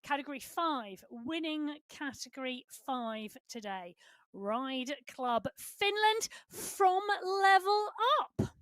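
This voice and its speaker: A woman co-commentates live on an online cycling race in a high voice. She reads out results and rider positions briskly. The sound is dry and close. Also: lively intonation, a bit bright, dry recording.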